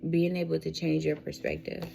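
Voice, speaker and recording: A woman giving a spiritual tarot reading to her viewers, speaking in a slow, reflective way, repeating phrases and calling them y'all. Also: deep voice, flat delivery, vocal fry, very noisy. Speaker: tarot reader.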